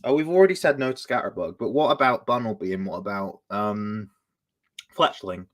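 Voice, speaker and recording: A man's voice: lowish voice, normal speed, muffled recording. Chatty man hosting a casual stream. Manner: chatty and hesitant, restarting sentences. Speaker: streamer host. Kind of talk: casual live-stream chat.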